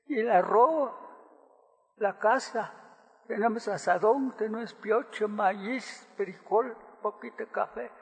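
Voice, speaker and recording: An older man from Guatemala giving halting, soft-spoken testimony as a witness in court. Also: high voice, vocal fry, big-room sound.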